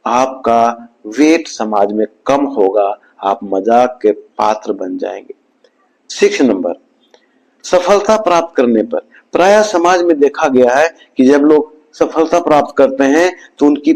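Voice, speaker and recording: A man delivers a scripted motivational talk at a very unhurried pace. His pitch sits in the middle range, and his voice falls low and quiet at the close of each point. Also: low-quality recording. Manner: slow, measured delivery, dropping low at the end of each point. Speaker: motivational speaker.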